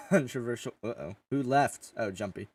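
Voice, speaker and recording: Casual podcast host, male, mid-pitched, rambling and profane, a bit off-mic, dry sound. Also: moderate pace, a little mellow, far from the mic. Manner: rambling, swears often, jokey. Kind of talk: casual gaming chat.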